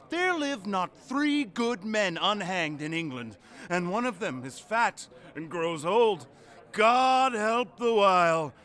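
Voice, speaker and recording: Man acting a blustering old drunken knight, high and sharp. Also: exaggerated voice. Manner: blustering drunkard, declamatory outbursts. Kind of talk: Shakespearean stage acting.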